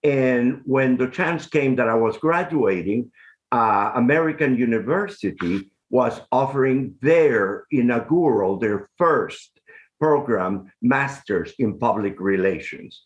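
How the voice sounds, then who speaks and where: A middle-aged man from Honduras, hosting an interview from his art-filled home over a video call, speaking in an effusive, deliberate way. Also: medium pitch, animated, lo-fi sound. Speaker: host, arts commissioner. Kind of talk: scripted-sounding interview hosting. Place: home room full of art and books. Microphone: video call webcam.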